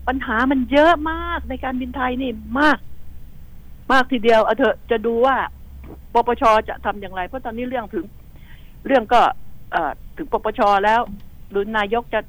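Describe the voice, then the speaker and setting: A woman's voice: fairly high pitch, moderate pace, no room sound, poor audio. A woman commentating on the news on radio, outspoken and indignant, rambling and repeating herself as she talks to listeners. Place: radio studio.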